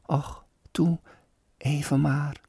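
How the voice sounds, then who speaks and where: A man voicing a feverish, frail poor little girl who pleads softly in a storybook poem. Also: fairly high pitch, flat delivery, extremely slow, gravelly, breathy edge, no echo, studio quality, voice pushed up, heavily acted. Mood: pleading.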